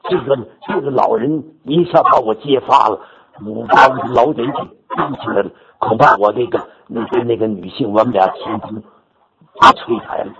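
An older man preacher telling a story in his sermon, animated and repetitive, rising to sudden high exclamations. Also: moderate pace. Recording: dull lo-fi recording with audience noise.

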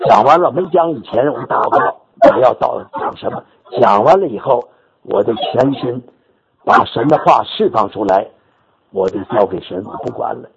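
Older man preaching with lively pitch. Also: moderate pace, creaky, crowd noise. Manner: animated, repetitive storytelling with sudden high exclamations. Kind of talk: sermon testimony storytelling. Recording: dull lo-fi recording with audience noise.

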